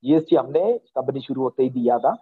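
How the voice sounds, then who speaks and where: A man's voice: mid-range voice, expressive, brisk, breathy edge. Earnest man on a tinny video call. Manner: earnest, reassuring, keeps asking for agreement. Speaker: company leader addressing members. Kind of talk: motivational pep talk in an online meeting.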